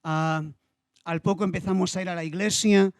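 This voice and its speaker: A man's voice: high-pitched, steady tone, moderate pace, clear, resonant tone, no room sound, studio quality. A middle-aged man preaching a sermon, telling a personal story with feeling and repeating his phrases. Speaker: pastor.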